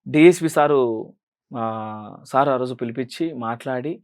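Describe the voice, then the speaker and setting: A young man with a Rayalaseema Telugu accent, a film director and actor answering interview questions earnestly and deferentially. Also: mid-range voice. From Rayalaseema, India. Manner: earnest, rapid, addresses interviewer as madam constantly.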